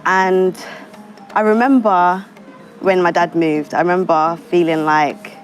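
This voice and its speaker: A woman answers interview questions. Her voice is fairly low, and her relaxed, reflective speech is full of fillers. Faint music plays underneath. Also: a little slow, poor audio. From London, England. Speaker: interview guest.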